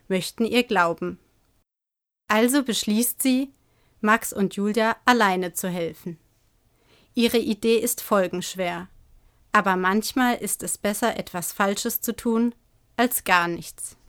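A woman presenting a novel in a measured, earnest way, summarizing it and giving her recommendation. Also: medium pitch. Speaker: book reviewer. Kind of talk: book presentation with read excerpt.

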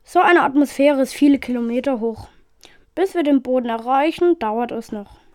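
A woman's voice: sits high, normal speed, no room sound, clean studio sound, close to an everyday voice. A woman voicing a brash male pilot who brushes off worries, in a read-aloud story. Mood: dismissive. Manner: dismissive, brushing off worry.

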